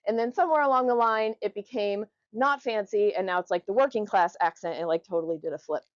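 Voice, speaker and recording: A dry, slightly muffled lo-fi recording of a woman presenting informally. She speaks at a middling pitch in a conversational, joking way, explaining things to a group and sounding out example words as she goes. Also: fast talker, no echo. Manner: jokey, conversational, demonstrating word pronunciations.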